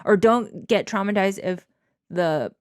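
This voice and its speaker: A woman's voice: medium pitch, unhurried, a little mellow, no room sound, clean studio sound. A young woman telling a personal story casually and candidly as a co-host, with lots of informal filler words. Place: small bedroom, indoors. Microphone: handheld microphone.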